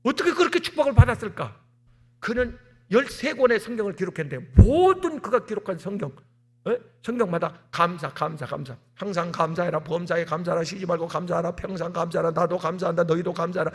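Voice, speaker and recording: Husky-voiced man preaching a lively sermon. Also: sits high, fast talker. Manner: animated, repetitive preaching with acted-out stories. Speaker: senior pastor. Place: church sanctuary.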